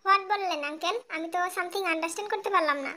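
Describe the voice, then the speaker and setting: A woman's voice: very high voice, very fast, sharp tone. A woman doing a silly young suitor with mangled English. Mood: pompous. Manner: stilted broken English mixed into speech.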